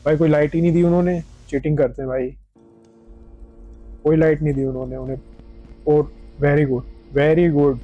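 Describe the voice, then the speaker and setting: A young man from India giving casual gameplay commentary, excitable, repeating words in quick bursts and mixing English gaming slang into his talk. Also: fairly high pitch, narrow, tinny audio, soft background music. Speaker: gaming streamer.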